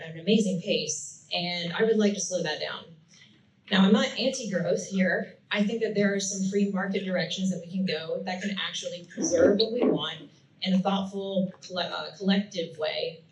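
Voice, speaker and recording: A woman's voice: lowish voice, a little mellow. A woman giving an earnest campaign speech at a candidate forum, now and then correcting herself. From Florida, USA. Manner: earnest, occasional self-corrections. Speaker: county commission candidate. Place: meeting room at a club event. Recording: echoey room, distant mic, faint noise.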